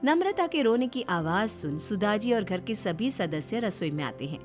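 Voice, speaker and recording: A woman narrating a cartoon family story, her voice in a middle range with plain, even storytelling. The narration is scripted and steady. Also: mid-range voice, moderate pace, soft background music.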